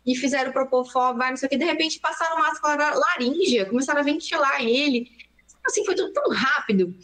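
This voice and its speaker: A young adult Brazilian woman, a pediatrician, recounting a frightening story in an interview with fast, emotional narration. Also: high-pitched, sharp tone. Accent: Brazilian Portuguese. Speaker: pediatrician guest.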